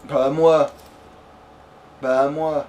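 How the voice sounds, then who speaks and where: Taking it slowly, a let's player speaks in a fairly high, darkish voice with little pitch movement. His commentary is casual and sweary, with frequent muttering to himself, over a clearly noisy background.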